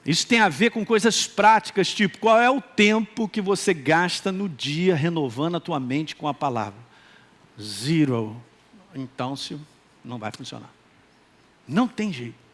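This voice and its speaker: A man preaching a sermon as a pastor, with a Minas Gerais Brazilian accent, animated and joking, calling out for responses from the congregation. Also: fairly high pitch, normal speed. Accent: Minas Gerais Brazilian Portuguese.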